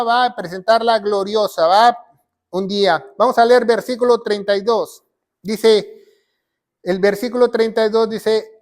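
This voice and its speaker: This pastor and Bible teacher preaches a teaching sermon in a strikingly high voice, working from a whiteboard. He is emphatic, repeating key phrases to hammer points home and checking in with listeners with frequent "¿va?"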